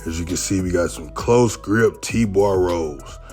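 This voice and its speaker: A man with a low, deep voice talks through his training in a laid-back coaching tone. He explains his technique conversationally and keeps checking in with the listener, with faint music playing underneath. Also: unhurried. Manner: relaxed, conversational, repeats "you know what I mean". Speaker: bodybuilder narrating his workout. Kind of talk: casual instructional voice-over.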